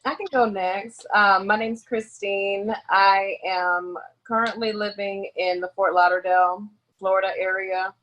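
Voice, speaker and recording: A woman's voice: mid-range voice, fairly even intonation, a little slow, hardly any pauses, fairly bright tone, highs cut off. A woman from Dallas, a therapist and professor, introducing herself in a composed, matter-of-fact way. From Dallas, Texas. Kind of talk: panel introduction.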